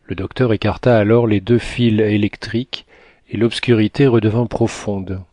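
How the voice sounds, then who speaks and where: A man narrating an adventure novel as a scripted audiobook, reading in a steady, measured way. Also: fairly low pitch, no room sound.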